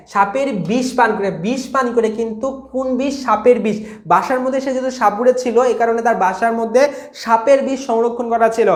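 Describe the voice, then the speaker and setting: A man's voice: very high-pitched, reverberant. A man from Bangladesh teaching a live online exam-prep class, reading out questions, quizzing viewers and repeating key answers.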